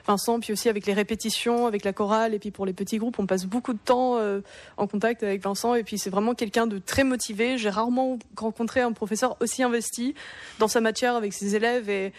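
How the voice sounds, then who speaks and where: A young woman, a high school music student, answering fluently in a radio interview. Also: fairly even intonation, quick pace, dry recording. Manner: fluent, earnest praise.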